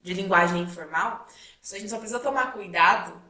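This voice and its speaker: A woman's voice: medium pitch, a little fast, sharp tone. A young woman co-hosting a casual chat, talking freely and often tagging her points with questions. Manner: chatty, frequent tag questions. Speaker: co-host. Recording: echoey room, mic at a distance.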